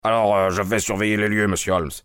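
Man voicing a polite deferential cop, low voice, radio play. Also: fairly even intonation, fairly bright tone, clear, resonant tone, no room sound, studio quality, close to an everyday voice. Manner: respectful, measured. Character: polite, deferential male police sergeant. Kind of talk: audio drama acting.

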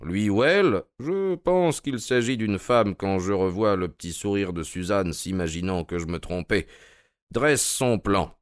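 Voicing a middle-aged male detective in an audio drama reading, a man sounds dry and mocking as he probes, sharp and ironic throughout. He speaks at a measured pace in a lowish voice with lively intonation. The recording has no room sound.

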